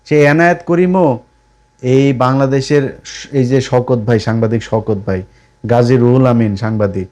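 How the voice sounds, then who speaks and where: A man's voice: mid-range voice, darkish tone. A middle-aged man giving a live political commentary monologue, scolding and mocking his opponents as he addresses them directly. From Bangladesh.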